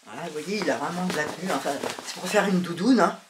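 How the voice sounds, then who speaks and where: Speaking quickly in a fairly low voice, a woman with a sniffly cold talks to her viewers about sewing and knitting in a halting, filler-heavy way. The room is echoey and the background is noisy.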